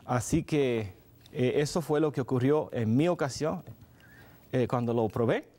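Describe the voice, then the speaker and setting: A man's voice: mid-range voice, a little slow, mellow. A middle-aged man on a studio kitchen set explaining a recipe step by step to viewers. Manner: explanatory, addresses viewers directly. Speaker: cooking show co-host. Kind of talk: cooking demonstration.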